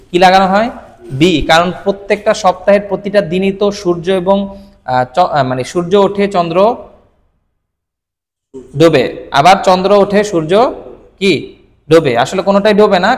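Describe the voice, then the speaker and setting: A Bengali-speaking man with a high-sitting voice teaches Japanese in a casual, explanatory lesson in an echoing room. He poses questions and answers them himself, frequently checking in with the viewer by asking "thik ache?"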